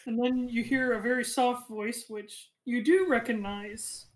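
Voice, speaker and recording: A woman's voice: a little high, fairly even intonation, a little slow, poor audio. A woman game master narrating a fantasy tabletop game in an informal, casual way.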